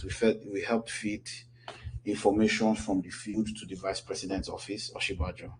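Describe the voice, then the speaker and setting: A Nigerian instructor in his thirties answers questions in a loose, chatty online class, using lots of fillers and restarts. His voice is on the low side with a dark tone, and the rough recording has a little hiss or hum.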